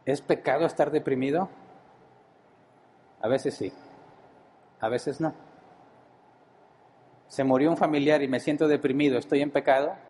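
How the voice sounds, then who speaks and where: A man's voice: a little high, steady tone, a little slow, pauses often, darkish tone, poor audio. Man preaching with rhetorical questions. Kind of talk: sermon-style teaching.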